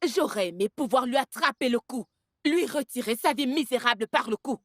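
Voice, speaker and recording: A woman's voice: on the high side, a little fast, no echo, clean studio sound, close to an everyday voice. A woman dubbing a haughty, vengeful middle-aged queen in a French-dubbed film. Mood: furious. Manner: haughty, venomous.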